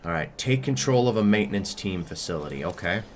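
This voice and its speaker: A man's voice: low voice, animated, a little fast, over a noisy crowd. A man giving casual gameplay commentary and reading game prompts aloud. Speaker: gamer. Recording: loud game vehicle ambience behind. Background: game engine and ambience sound.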